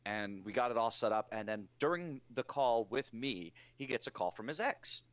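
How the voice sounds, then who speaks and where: A man's voice: mid-range voice, animated, moderate pace, a bit bright, dry recording. A man chatting casually on a podcast, telling stories with enthusiasm. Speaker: podcast co-host. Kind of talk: casual chat.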